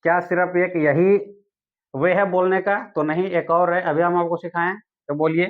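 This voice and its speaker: A man teaching an English grammar lesson, asking the viewer questions and saying English examples slowly. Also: high-pitched, level tone, phone-quality sound.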